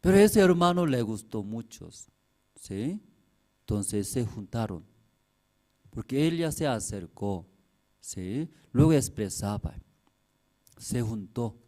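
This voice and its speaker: A male pastor preaches slowly and deliberately, his pitch leaping up and down with emphasis. He repeats key words, fires off rhetorical questions and tags his points with quick checks to the congregation, in slightly broken phrasing. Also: sing-song, mellow. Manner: repetitive, with rhetorical questions and tag questions; slightly broken, non-native-sounding Spanish phrasing. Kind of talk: sermon.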